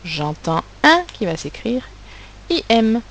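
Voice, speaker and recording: Slow, careful woman teacher. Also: fairly high pitch, very animated, slight background noise, rough recording. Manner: slow, carefully articulated, stressing sounds and syllables. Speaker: primary school teacher. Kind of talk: recorded phonics lesson for children.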